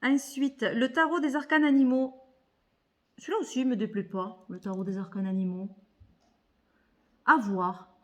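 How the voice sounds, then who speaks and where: A woman's voice: a little high, fairly even intonation, moderate pace, pauses often. A woman vlogger chatting casually about tarot decks, thinking aloud and often repeating words as she hesitates. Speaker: tarot and oracle card vlogger. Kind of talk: casual haul chat.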